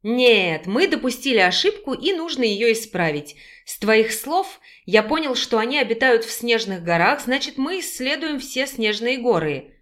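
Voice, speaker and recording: A woman voicing an anxious, hot-tempered young man who commands loudly, in an audiobook. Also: very high voice, very animated, moderate pace, hardly any pauses, full character voice. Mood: commanding. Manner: loud, commanding, hissing.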